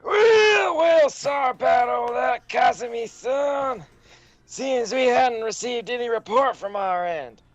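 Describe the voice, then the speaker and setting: A man voicing a plump, smug elderly male detective in a slow, drawn-out old man voice. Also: very high voice, expressive, no room sound, lo-fi sound, heavily acted. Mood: mock apologetic.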